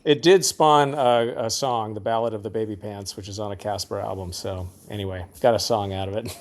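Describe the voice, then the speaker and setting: A middle-aged musician from the Seattle area appears as a guest in a casual interview, rambling through stories and laughing a lot. His voice is lowish and brisk, with fairly even intonation.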